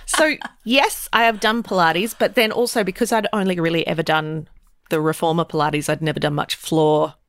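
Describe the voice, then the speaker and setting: A woman co-hosting a podcast, chatting in a thoughtful, measured way. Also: on the low side, no echo, clean studio sound. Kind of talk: casual chat.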